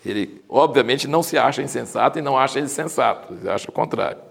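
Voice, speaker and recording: Lively Brazilian preacher with a gravelly voice. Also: male voice, medium pitch. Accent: Brazilian Portuguese. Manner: animated, informal, leans into irony and sarcasm; reads scripture aloud slowly and emphatically. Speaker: preacher teaching the Bible. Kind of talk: conversational Bible teaching.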